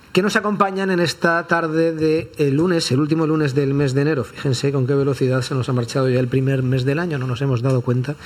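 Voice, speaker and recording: A man, hoarse a cold, hosting a political roundtable in a radio studio. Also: medium pitch. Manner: brisk, chatty, apologetic asides. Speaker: radio talk show host.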